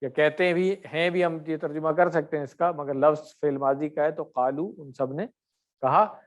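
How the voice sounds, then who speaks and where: A man's voice: a little high, steady tone. A middle-aged man teaching Arabic grammar in an online class, correcting and quizzing his students by name.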